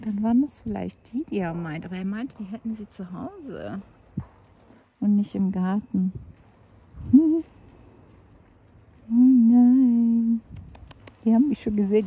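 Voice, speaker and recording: An older woman talks casually into her phone for a home vlog, her voice mellow and warm. She often drops to a soft whisper when she speaks to the animals. A faint hiss of background noise sits under the recording. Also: medium pitch, animated, normal speed, vocal fry, lo-fi sound. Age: 60s. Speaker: vlogger. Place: outdoors, then at home at night.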